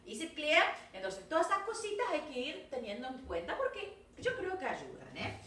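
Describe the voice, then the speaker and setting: High, lively Argentine woman teacher. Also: normal speed, reverberant, far from the mic. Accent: Argentine Spanish. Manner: switches between Spanish and English, coaxing with constant "¿sí?" and "¿ok?". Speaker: English teacher. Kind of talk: recorded class feedback to young pupils.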